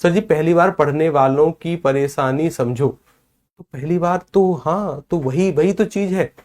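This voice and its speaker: A man's voice: on the high side, unhurried, darkish tone. A man teaching a grammar class, who keeps asking questions and then answering them himself, and often checks whether the students are following. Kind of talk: classroom lecture.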